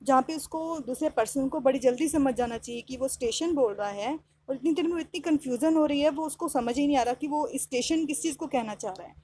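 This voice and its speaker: A woman gives a classroom lesson in a high voice, explaining in Hindi. She reads English sentences slowly and spells words out letter by letter. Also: mellow. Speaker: English teacher.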